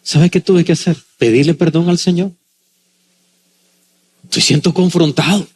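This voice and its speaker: A pastor preaching to his congregation, his voice pitched high for a man and a little husky. He slows down for dramatic pauses and acts out the people he quotes. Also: a little mellow. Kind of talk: sermon.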